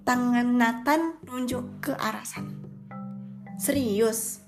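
A woman's voice: high voice, normal speed. A young woman telling a story in a chatty, rambling way, often correcting herself. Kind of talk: casual storytelling. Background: background music.

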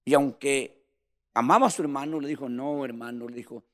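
In church, a man with a mid-range voice preaches a little fast and with plenty of animation. He keeps calling people "brother," going loud one moment and soft the next.

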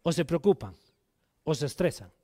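A man preaching a sermon as pastor, telling a personal story and putting direct questions to the congregation, loud one moment and quiet the next. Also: big pitch swings, moderate pace. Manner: emotional storytelling, swings between loud exhortation and quiet low asides.

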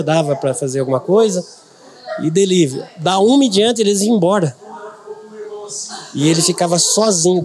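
A man's voice: fairly high pitch, a little mellow. A middle-aged man from Brazil, a podcast guest, telling a personal story earnestly and repeating words for emphasis.

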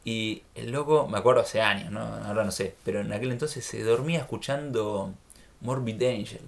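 A man's voice: fairly low pitch, creaky. Reflective Argentine man in casual chat. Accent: Argentine Spanish. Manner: reflective, unhurried, laughs often.

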